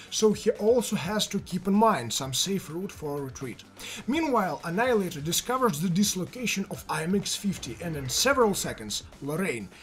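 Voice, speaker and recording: A young man with a Russian accent doing playful, jokey commentary over a tank game replay, now and then bursting into shouts. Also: sits high. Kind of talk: gameplay commentary.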